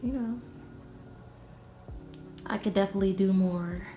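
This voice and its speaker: A woman's voice: mid-range voice, a little slow, mellow. A woman of twenty giving a casual, rambling vlog tour, full of "like" and "you know". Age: 20s. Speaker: vlogger. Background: background music.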